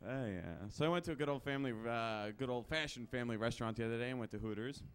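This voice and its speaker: A man's voice: medium pitch, clear, resonant tone. A young man doing a chatty, self-deprecating stand-up set on a comedy club stage into a handheld mic. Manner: quick, chatty, self-deprecating, jumping into voices.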